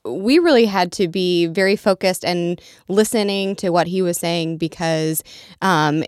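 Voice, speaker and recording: A woman co-hosting a podcast in a casual chat, speaking informally with hesitant pauses. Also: fairly low pitch, dry recording, studio quality. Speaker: podcast co-host.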